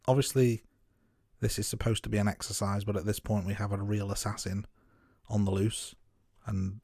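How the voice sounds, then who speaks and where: Lowish-voiced man, dry close sound. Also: darkish tone, dry recording. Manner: measured, note-by-note commentary. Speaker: podcast co-host. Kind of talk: casual film review chat.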